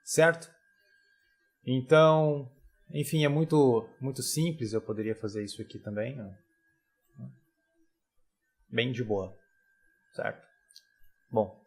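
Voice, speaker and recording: A man, teaching a software tutorial over a screen recording in a relaxed, casual way full of tag questions. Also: mid-range voice, takes it slowly, long pauses.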